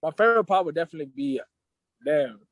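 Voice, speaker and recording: A young man from Kenya, a rapper, telling stories in a relaxed, joking way in a casual podcast chat. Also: a little high, fast, no echo, rough recording. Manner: laid-back, joking storyteller. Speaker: guest rapper.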